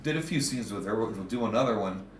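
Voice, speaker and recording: Low-voiced easygoing man, echoey room. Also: lively intonation, quick pace, distant mic. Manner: easygoing, short agreeing replies, hesitant fillers. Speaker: podcast co-host. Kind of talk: casual chat reviewing a movie. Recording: echoey room, faint background hiss.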